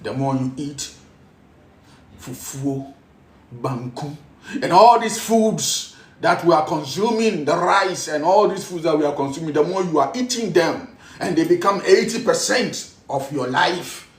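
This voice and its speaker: A man's voice: a little high, expressive, measured pace. A man with a Ghanaian accent giving a spiritual teaching talk, preaching in a repetitive way as he switches between Twi and English. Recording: roomy echo, voice from a distance.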